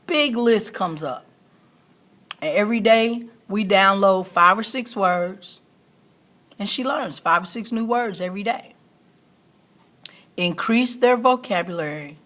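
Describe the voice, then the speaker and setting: A mature woman speaks directly to an online audience in a mid-pitched voice. She talks like a teacher urging people on, with emphatic delivery. Important phrases come back a second time for stress. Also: fairly bright tone. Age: middle-aged or older. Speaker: teacher and online show host. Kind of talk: motivational talk to a live online audience.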